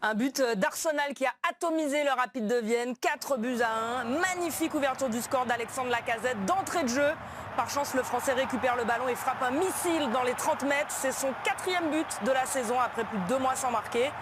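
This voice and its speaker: High-voiced woman narrating match highlights. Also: brisk, noisy background. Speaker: football reporter.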